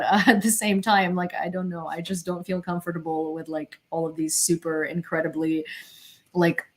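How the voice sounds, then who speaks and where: A young woman from Ukraine, casually commenting on news from her bedroom, rambling with lots of fillers. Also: lowish voice. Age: young adult. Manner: rambling, self-conscious, many fillers and restarts. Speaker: independent journalist. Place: small bedroom at home. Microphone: webcam on desk.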